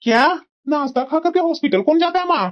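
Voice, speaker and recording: A woman's voice: sits high, expressive, brisk, highs cut off, pitched below the performer's own voice. A woman voicing an easygoing young adult son in a cartoon, plain-spoken and easily puzzled. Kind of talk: cartoon voice acting.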